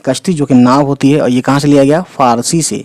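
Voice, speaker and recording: A man teaching Urdu words, explaining their meanings and spelling the letters out slowly as he writes, often adding "ठीक है" and "you know". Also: medium pitch, fairly even intonation, darkish tone, no echo. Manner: spells letters out slowly, often adds 'ठीक है' and 'you know'. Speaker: language teacher. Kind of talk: explaining Urdu words while writing them.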